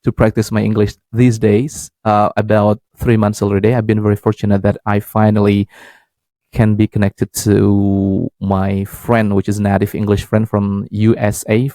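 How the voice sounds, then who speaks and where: A young man with an Indonesian accent, hosting a podcast in a halting, casual way and laughing easily. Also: fairly low pitch, monotone, warm tone, dry recording. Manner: hesitant, many fillers and restarts, laughs easily. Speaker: podcast host and English learner. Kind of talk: casual practice talk.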